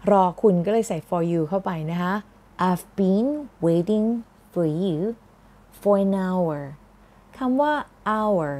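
Thai woman teaching slow English phrases. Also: mid-range voice, mellow. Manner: repeats phrases slowly word by word. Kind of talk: slow drilled phrase lesson.

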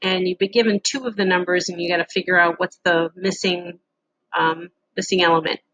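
A middle-aged woman giving a casual, halting lesson walkthrough with frequent pauses, as an instructor on a screen-share recording. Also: fairly low pitch, fairly even intonation, a bit bright, rough recording.

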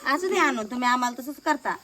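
A young village woman talks casually to the camera in a home vlog. Her voice sits high, and she keeps coaxing a small child with chatty, repeated questions. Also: expressive, fast talker, bright, forceful tone, slight background noise. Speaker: village vlogger.

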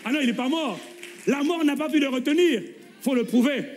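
High-voiced French pastor preaching in a hall. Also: male voice, fairly quick, a little hiss or hum. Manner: animated, acts out Gospel scenes in voices; calls for responses from the congregation. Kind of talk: sermon. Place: church hall. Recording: long hall reverb with faint music.

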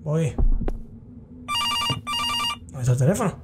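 A man's voice: on the high side, animated, takes it slowly, background noise. A man streaming a horror game, swearing and reacting with jokey running commentary. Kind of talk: horror game let's play.

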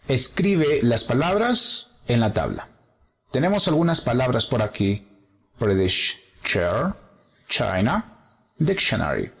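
A man teaching an English lesson, speaking slowly and patiently as he walks through each exercise. His pitch rises and falls a lot as he stresses words, and the room adds a long reverb tail behind him. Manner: slow, explanatory, switches between English examples and Spanish explanation. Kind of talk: bilingual grammar lesson walkthrough.

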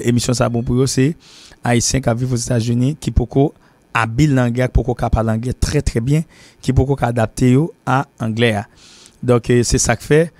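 Haitian man, gravelly teaching voice. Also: medium pitch, dark tone, no echo. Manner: explanatory, repeats and restarts phrases, slows down to pronounce English phrases. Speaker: English teacher and show host. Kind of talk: spoken language lesson.

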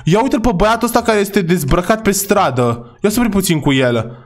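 A gaming YouTuber with a high voice offers casual, chatty gameplay commentary. He calls his viewers his brothers and boys and often yells excitedly at the game's characters.

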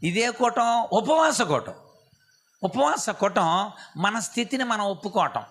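A male pastor preaching a sermon, often asking the audience questions and acting out prayers in a soft, low voice. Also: expressive, unhurried. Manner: asks the audience rhetorical questions.

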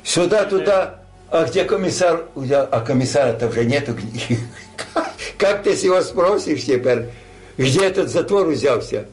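An older man tells a war story the way a grandpa might, rambling and colloquial, acting out the dialogue as he goes. His voice is fairly high-pitched with lively intonation and a measured pace, in the style of casual oral storytelling.

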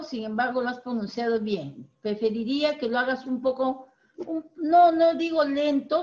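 A woman teacher with a high voice leads a primary reading class over a dull, lo-fi video call. She praises often and slows down to model each word. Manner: encouraging, corrects pronunciation slowly.

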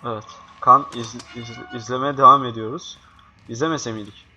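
A young man playing a horror game, swearing and jumpy, swinging from panicked yells to hushed mutters. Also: medium pitch, lively intonation, normal speed. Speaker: gaming youtuber. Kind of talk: horror game let's play commentary.

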